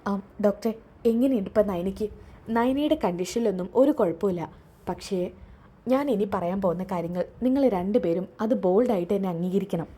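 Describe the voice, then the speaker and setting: A woman voicing a calm, earnest woman doctor who breaks hard news in a measured way. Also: medium pitch, husky, close to an everyday voice. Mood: grave. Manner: measured, reassuring.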